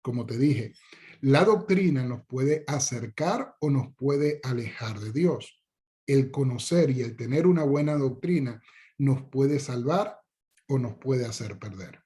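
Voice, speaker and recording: A man's voice: medium pitch, lively intonation, a little slow, dark tone. A man, a pastor giving a conversational Bible lesson, informal and joking, with many fillers and restarts. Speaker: pastor teaching a discipleship class.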